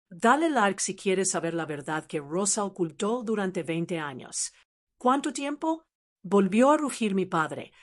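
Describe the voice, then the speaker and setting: A woman telling a scripted first-person family drama in a dramatic storytelling delivery. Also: mid-range voice.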